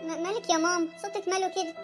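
A woman voicing a loving grown daughter who is hoarse from a cold, caring and tender, with an Egyptian accent, in a cartoon story. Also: extremely high pitch, steady tone, racing, over music.

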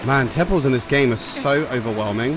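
A man's voice: medium pitch, fairly quick. Guy on a game stream, mid voice, chatting to chat and saying thanks, game music behind. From England. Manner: chatty, reads and thanks chat while playing. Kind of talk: casual live-stream commentary.

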